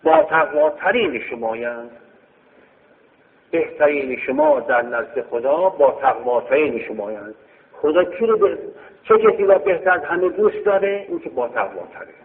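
A man's voice: fairly high pitch, very animated. A man teaching a grammar lesson, explaining step by step and repeating key phrases. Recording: tinny phone-like sound in a reverberant hall.

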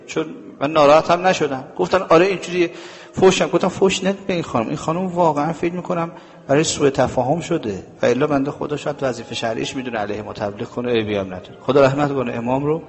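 A male preacher delivers a sermon to a live audience, with a mid-range voice that carries a long, ringing hall reverb. He speaks emphatically and drives each point home with rhetorical questions he answers himself. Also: mid-range voice. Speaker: religious preacher.

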